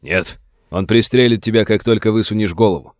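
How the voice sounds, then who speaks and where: A gruff frontier sheriff, voiced by a male narrator in an audiobook. He speaks in a low, dry voice. His orders are curt and commanding. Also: brisk, no echo, lightly acted. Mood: grim.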